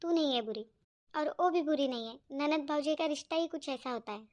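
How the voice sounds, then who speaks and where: A woman voicing a soothing middle-aged mother in a cartoon, speaking softly and consolingly. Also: high-pitched, fairly quick, highs cut off, lightly acted. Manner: soft, consoling. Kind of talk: cartoon voice acting.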